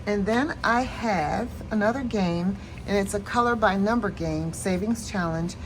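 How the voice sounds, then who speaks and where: A woman casually walking through her savings challenges in a planner vlog, relaxed and chatty with many fillers, tired and yawning late at night. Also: mid-range voice, unhurried, background noise. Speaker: planner and budgeting vlogger. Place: at home at night.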